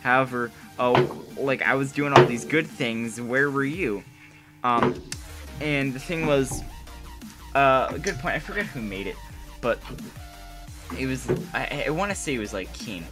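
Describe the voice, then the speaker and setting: A man's voice: mid-range voice, unhurried, long pauses, over music. A man co-hosting a casual live podcast, rambling along with lots of fillers. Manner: rambling, filler-heavy, easygoing. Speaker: podcast co-host.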